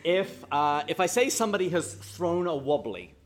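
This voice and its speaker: Speaking at normal speed in a voice on the high side with wide pitch swings, this English parish speaker addresses a live audience in a hall amid crowd noise. His church talk is jokey and chatty, full of quizzing, before he solemnly leads them in prayer.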